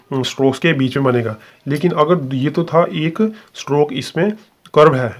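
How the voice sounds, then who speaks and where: A man teaching a shorthand lesson, explaining step by step in a patient, repetitive way and often checking in with the class. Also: medium pitch.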